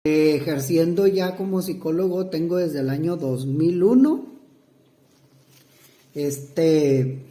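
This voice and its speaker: Un hombre mexicano de unos cuarenta años, psicoterapeuta, que responde una entrevista con titubeos, muletillas y frases que vuelve a empezar. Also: male voice, on the high side, warm tone. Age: 40s. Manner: halting, many fillers and restarts. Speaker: psychotherapist interviewee. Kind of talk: hesitant interview answers. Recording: roomy echo.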